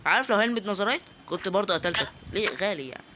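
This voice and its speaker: A man's voice: high voice, expressive, very fast, bright, forceful tone, slight background noise. Joking Egyptian man playing a game. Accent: Egyptian Arabic. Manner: joking, chatty, talks to game characters. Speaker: gaming YouTuber. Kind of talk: casual let's-play commentary.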